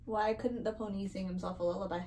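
A woman's voice: mid-range voice, fairly even intonation, fast, warm tone. A young woman acting as a sidekick, feeding joke questions in a playful exchange. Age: young adult. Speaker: sidekick repeating joke setups. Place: small indoor room. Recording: off-mic, distant, with clear background noise.

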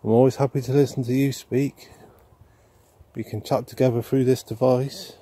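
A man hosting a ghost-hunting vlog outdoors in a churchyard, talking softly to spirits and musing aloud with questions. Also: mid-range voice, level tone, normal speed, slightly rough. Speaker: paranormal investigator host.

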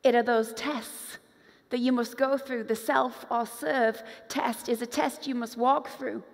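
Preaching at a measured pace with vocal fry, a high-voiced female pastor gives a conference sermon. She's animated, performing quoted voices as she moves about a large dark stage with long hall reverb.

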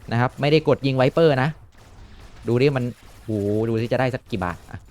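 A young man giving casual gameplay commentary, excitable and swearing often, with frequent exclamations. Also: mid-range voice, brisk, a little hiss or hum. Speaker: gaming YouTuber.

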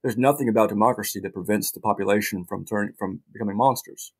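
Gravelly low-voiced man, halting. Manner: halting, many restarts and fillers, dry asides. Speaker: guest, journalist and activist. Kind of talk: casual interview talk.

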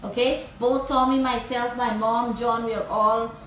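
A woman's voice: a little high, steady tone, unhurried, fairly bright tone, roomy sound, a little hiss or hum, poor audio. A woman hosting a live cooking vlog, effusively sending love to viewers while she seasons food. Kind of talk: live cooking demonstration with viewer shout-outs.

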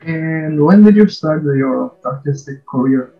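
A man interviewing a guest, asking questions hesitantly with many pauses and restarts. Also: a little high, expressive, highs cut off, soft background music.

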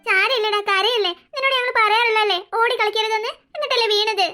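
A woman's voice: very high voice, sharp tone. Woman voicing a protective cartoon big sister. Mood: caring. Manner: protective, quick, outspoken. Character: caring, bold older sister girl.

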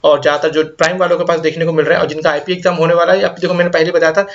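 A young man rattles through viewer updates at high speed, his voice pitched a little above the usual. He slips between Hindi and English and keeps checking in with his audience, and the recording sounds slightly dull and lo-fi. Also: little pitch movement. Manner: rapid Hindi-English mix, reassuring, repeats "ठीक है". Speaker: career guidance YouTuber. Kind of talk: casual update video reading viewer comments.

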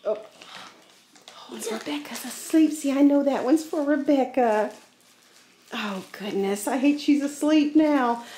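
A woman's voice: high voice, measured pace, long pauses, warm tone. A woman hosting a casual family unboxing chat at home, chatty and thankful and often laughing. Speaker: family channel host, mother. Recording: roomy home room, faint noise.

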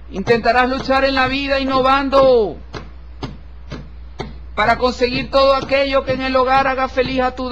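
A man with a very high voice reads out a tarot horoscope, solemn and formal, speaking to the listener with deliberate respect. The recording is dull and lo-fi with a faint hiss underneath. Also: a bit bright. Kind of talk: horoscope reading over tarot cards.

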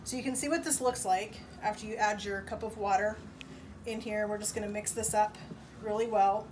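A woman's voice: mid-range voice, fairly even intonation, normal speed, noisy background. A woman giving a casual cooking demonstration in a kitchen, explaining each step in a chatty, upbeat way. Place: home kitchen.

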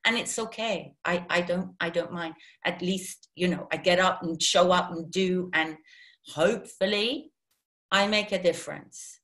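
Woman guest from Iran, lower register, animated, chatty. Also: a little slow. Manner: animated, self-deprecating, many restarts. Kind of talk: casual interview talk.

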